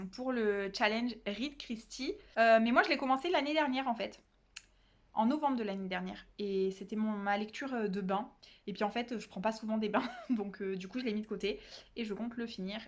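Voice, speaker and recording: A young woman booktuber chatting casually about her reading pile, self-deprecating and full of fillers. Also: fairly high pitch. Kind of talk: casual book haul chat.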